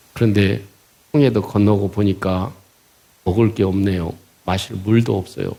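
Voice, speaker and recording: A man, a pastor in a sermon, voicing a polite Israelite man who softly pleads for help. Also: low voice, vocal fry, pitched below the performer's own voice. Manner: soft, courteous complaining.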